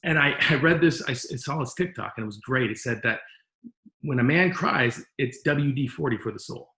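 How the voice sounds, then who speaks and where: Guy hosting a podcast, earnest and rambly, kinda echoey room, mid pitch. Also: brisk, bright, forceful tone. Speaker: podcast host. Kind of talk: casual interview talk.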